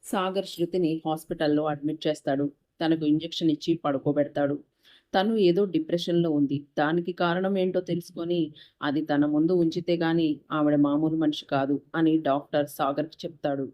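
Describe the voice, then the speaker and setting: A woman narrating a moral story in a steady, even reading voice. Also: low voice, moderate pace, lo-fi sound.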